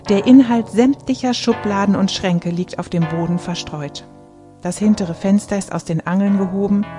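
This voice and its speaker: A woman's voice: on the low side, mellow. Woman narrating a Christmas story. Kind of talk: storybook reading. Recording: faint background music.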